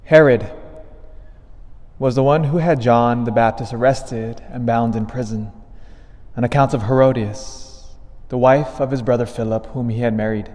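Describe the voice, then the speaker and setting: Priest with cathedral echo. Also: male voice, medium pitch, fairly even intonation, darkish tone. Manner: measured reading, then emphatic rising stresses. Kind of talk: Gospel reading and homily at Mass. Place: large church. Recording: long reverb of a large church.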